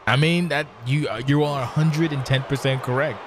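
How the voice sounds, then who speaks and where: A man giving conversational color commentary on wrestling, casual and salty, with halting phrasing. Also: medium pitch, slight background noise.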